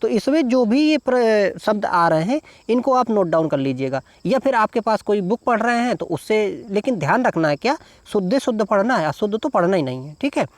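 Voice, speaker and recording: A man's voice: high-pitched, big pitch swings, fairly quick, hardly any pauses, no echo. A male teacher giving an exam-prep lesson, explaining each answer step by step and spelling words out syllable by syllable. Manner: explains step by step, repeats "देखिए" and "ठीक है".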